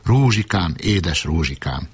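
Man doing a grieving peasant mom, soft and tearful, slow, low husky voice. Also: lively intonation, full character voice. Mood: sobbing. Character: grieving peasant woman mourning her dead child.

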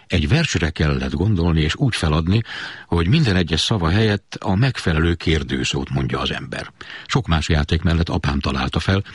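A man reading a memoir aloud as scripted narration, in a measured storytelling manner. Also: low voice, husky, no room sound, studio quality.

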